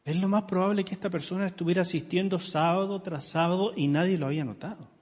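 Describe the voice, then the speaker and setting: A middle-aged pastor preaches with emphasis, asking his congregation rhetorical questions. His voice sits high and husky. It carries through a large church with long reverb. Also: steady tone, fast, a little mellow. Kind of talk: sermon. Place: church sanctuary.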